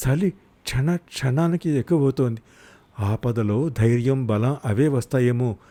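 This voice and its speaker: A man's voice: mid-range voice, unhurried, mellow. A man narrating a written short story aloud, reading expressively and lifting his voice for the characters' cries.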